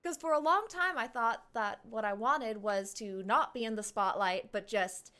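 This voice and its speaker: A woman live streaming a game reacts to it casually, rambling in a reflective, slangy way. Her smooth voice is a little high and bright with a forceful tone, at a moderate pace.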